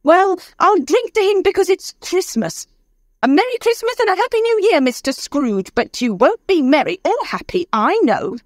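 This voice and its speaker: A man voicing an angry, sharp-tongued poor mother in a storybook reading, scolding in a high, swooping voice. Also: sing-song, normal speed, no echo, studio quality. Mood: grudging. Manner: indignant, scolding.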